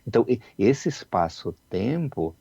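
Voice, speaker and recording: A man's voice: fairly low pitch, big pitch swings, measured pace, creaky, mellow, slightly rough, dry recording, highs cut off. A man, a childhood researcher, explaining his views on a radio show, reflective and full of "né?" tags. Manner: reflective, repeats words, many "né?" tags.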